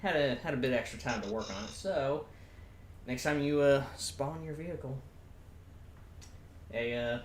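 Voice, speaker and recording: A man's voice: mid-range voice, normal speed, long pauses, natural voice. Man putting on a valley girl mechanic turning country. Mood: breezy, proud. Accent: valley girl with a country twang. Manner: valley-girl casual drawl. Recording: roomy echo, faint background noise.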